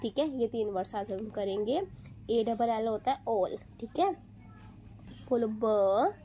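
A woman teaching children phonics, drilling sounds slowly and patiently in call-and-response. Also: a little high, mellow, a little hiss or hum. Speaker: teacher and channel host.

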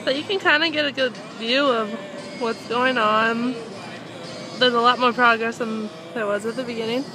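A young woman narrates a casual walk through a theme park, filming on a handheld phone held at arm's length. Her fairly high voice is fairly even in intonation and moderately paced, full of ums. Music and a crowd fill the background of the rough recording.

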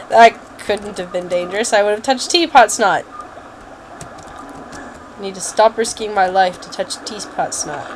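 A woman's voice: mid-range voice, measured pace, pauses often. Girl narrating her gameplay, chatty and jokey, lots of hiss behind her. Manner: chatty, jokey, exclaims and mutters to herself. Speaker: let's play gamer. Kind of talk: casual gameplay commentary.

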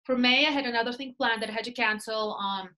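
Speaking quickly in a slightly high voice, this real estate team leader in her thirties, who has a Russian accent, describes her work in a casual guest interview. She tells stories animatedly, moves her hands as she talks and keeps adding "right?" to her lines. She's on a laptop webcam video call in a small indoor room.

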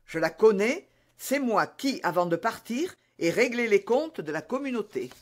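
A man voicing a grave, wary musketeer who speaks in a measured way in a storybook reading. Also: sits high, very animated, pitched above the performer's own voice.

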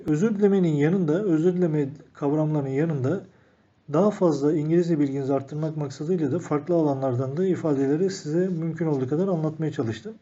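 A man teaching an English lesson, reading each phrase out and then explaining it calmly to the viewers he calls friends. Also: on the high side, quick pace. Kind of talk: recorded language lesson. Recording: dull lo-fi recording.

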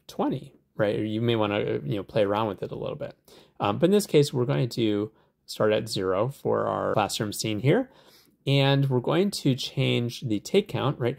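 A man hosting a software tutorial, explaining steps in a relaxed, conversational way with lots of fillers. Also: medium pitch, vocal fry. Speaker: tutorial host.

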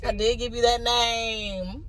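A woman's voice: fairly high pitch, fairly even intonation, takes it slowly, fairly bright tone, slight background noise. A young woman vlogging on a phone inside a car, chatting bluntly with friends and swearing freely. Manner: blunt, profane, laughing storyteller. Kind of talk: casual chat with friends. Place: inside a car on a road trip. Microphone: handheld phone camera. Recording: phone audio in a car, busy background chatter.

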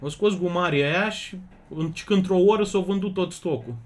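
A young man from Romania streaming slots live, chatting casually and loudly greeting viewers one after another. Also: high voice, a little hiss or hum. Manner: loud, excitable, greets chatters rapidly. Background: music.

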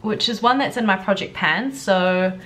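A woman's voice: medium pitch, normal speed, a bit bright. A young adult woman feeling sick with a congested cold, chatting casually and a little subdued through a makeup tutorial as a beauty vlogger. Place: furnished living room at home, indoors. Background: background music.

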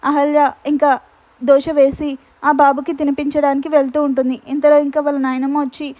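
Quick high-voiced woman retelling a serial. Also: flat delivery, dark tone, no room sound, muffled recording. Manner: rapid storytelling, strings lines together with repeated linking fillers. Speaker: serial recap narrator.

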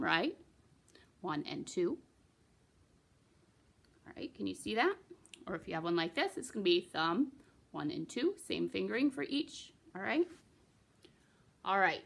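A woman's voice: medium pitch, gravelly, a bit bright. A young woman giving a recorder lesson for children, patiently explaining and encouraging, counting her students in. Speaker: music teacher.

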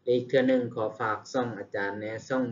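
A man's voice: medium pitch, fairly even intonation, fast talker, highs cut off, a little hiss or hum. A man with a Lao accent teaching English words, saying each word several times before explaining it. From Laos. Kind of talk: vocabulary lesson.

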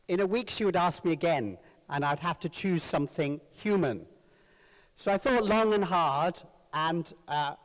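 A man with a Sri Lankan accent giving a humorous, anecdotal talk as an author, with wry storytelling and pauses before punchlines. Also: on the high side. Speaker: author speaking at a conference. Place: large hall, live talk to an audience. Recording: very echoey hall with long reverb.

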